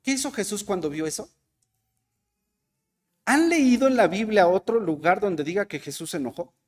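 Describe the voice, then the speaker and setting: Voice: medium pitch, lively intonation, normal speed. Mexican preacher questioning the congregation. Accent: Mexican Spanish. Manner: asks the congregation questions and acts out quoted voices. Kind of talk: sermon. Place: church service.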